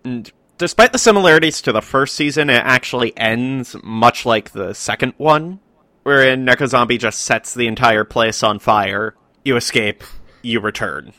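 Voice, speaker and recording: A man's voice: mid-range voice, normal speed, pushed and bright, no echo. A man hosting a casual podcast, explaining facts with small restarts. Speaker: podcast host.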